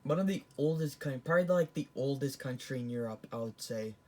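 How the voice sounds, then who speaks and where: A man's voice: medium pitch, expressive, fairly quick, dark tone. A teenage boy giving casual, rambling commentary as he ranks things on a tier list, often restarting and correcting himself. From Canada. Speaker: vlogger.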